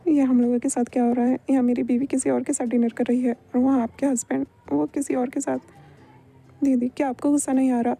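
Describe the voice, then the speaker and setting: A woman's voice: high-pitched, little pitch movement, brisk, gravelly, dark tone, faint music behind. A woman voicing an anxious, jealous young husband in a Hindi fan dub, talking in a pleading, questioning way. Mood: fretful.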